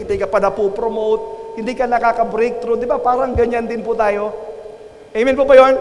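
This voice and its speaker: A man with a Filipino accent preaching a sermon as pastor, switching between languages and often calling on the congregation for an amen. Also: very high-pitched. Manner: call-and-response preaching, repeatedly asking for an amen. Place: church. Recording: echoey church with long reverb.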